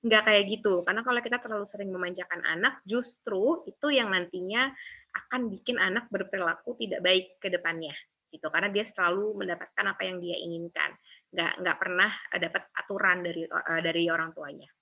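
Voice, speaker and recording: A woman's voice: mid-range voice, a little fast, highs cut off. A woman giving a casual, conversational webinar talk on raising young children, often acting out what parents say. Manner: relaxed conversational, many filler tags, acts out parent quotes. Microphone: video call.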